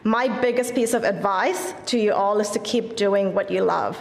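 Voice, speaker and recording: The judge's voice here is creaky and medium-pitched, moving at a normal speed. Her award speech, delivered on stage in a large event hall, is earnest and encouraging and starts with a formal Māori greeting, all heard through long, echoey reverb.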